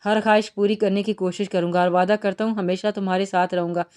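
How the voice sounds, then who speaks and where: A woman's voice: medium pitch, little pitch movement, fast, darkish tone, clear, resonant tone, natural voice. A woman reading the part of a young army major who teases and sweet-talks the girl he loves. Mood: tender. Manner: teasing, affectionate. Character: young man, an army major, tender and teasing lover.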